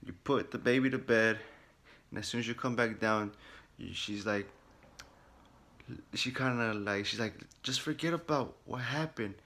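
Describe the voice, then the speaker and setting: A man's voice: on the low side, a little slow, pauses often. A man recapping a video game at home in his room, telling it animatedly, swearing heavily and acting out reactions. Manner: animated storytelling, heavy swearing, acts out reactions. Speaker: gaming vlogger. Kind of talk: casual game first-impressions recap.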